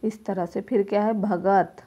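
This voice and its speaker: A woman's voice: medium pitch, steady tone, a little slow, warm tone, dull audio. A woman teacher, patiently walking young children through a workbook and sounding out each letter aloud. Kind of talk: primary school lesson walkthrough.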